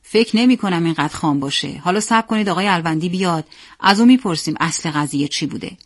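A woman voicing a careful middle-aged railway worker, calm and guarded, who keeps his talk short, in a spoken storybook. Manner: guarded, low-voiced.

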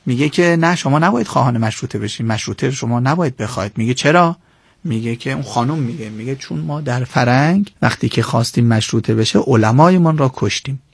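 A man with a gravelly, slightly husky voice tells a historical episode on a radio program. He talks in an animated way and shifts his tone when he quotes people. The sound is dry and close. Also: medium pitch, few pauses, no echo. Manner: animated storytelling, quoting figures in shifting tones. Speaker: guest lecturer on history. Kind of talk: radio interview, explaining history.

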